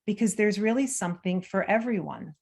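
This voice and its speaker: This interview guest is a middle-aged American woman who grew up speaking Armenian. She talks fairly quickly in a mid-range voice with lively intonation, creaky and darkish with a breathy edge, rambling chattily through many fillers and restarts.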